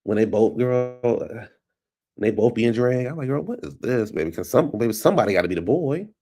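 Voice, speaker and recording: Chatting alone at his home computer as a vlog host, a man with a stuffy nose and a fading voice wanders from topic to topic in a loose, friendly manner and calls his listeners "baby." He speaks a little fast in an expressive mid-range voice with a warm tone.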